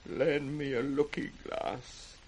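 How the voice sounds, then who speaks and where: An actor playing an aged, grief-maddened king in British radio Shakespeare, raging and tender by turns with declamatory, drawn-out delivery. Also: mid-range voice, steady tone. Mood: broken grief. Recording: noisy vintage radio recording.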